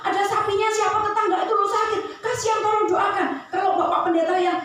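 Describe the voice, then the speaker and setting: A woman's voice: steady tone, fast, fairly bright tone, a little hiss or hum. A woman preacher voicing a small village child who insistently begs a pastor to pray for a sick cow, in a raised, pleading voice. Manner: high-pitched, urgent begging. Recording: very echoey hall from far off.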